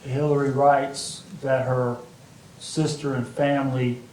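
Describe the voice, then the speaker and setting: A man working as a defense attorney, questioning a witness in an even, flat delivery with plain-spoken hesitations. The courtroom recording puts him some way off the mic in an echoing room, with a faint hiss underneath. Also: mid-range voice, slow. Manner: plain-spoken, a bit self-deprecating, hesitant fillers. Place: large courtroom. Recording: echoey courtroom audio from a distance, faint noise.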